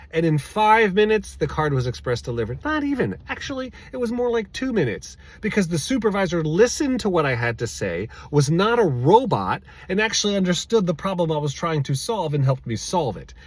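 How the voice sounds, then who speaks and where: A man working as a sales coach, telling an exasperated story as advice, emphatic and quick to repeat his key words. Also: high voice, sing-song, dry recording.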